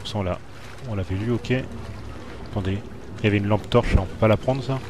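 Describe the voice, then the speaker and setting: A man's voice: fairly low pitch, a little fast, noisy background. A man playing a horror video game and commenting live for viewers, jumpy and talking to the screen. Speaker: let's play gamer.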